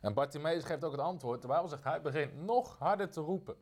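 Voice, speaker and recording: A man preaching a sermon, emphatic, repeating phrases and slowing down on key lines. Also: fairly high pitch, animated.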